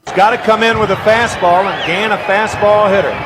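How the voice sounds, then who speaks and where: High-voiced man shouting an old radio call. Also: fairly quick. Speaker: radio baseball announcer. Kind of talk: archival radio play-by-play. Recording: noisy archival broadcast with loud crowd.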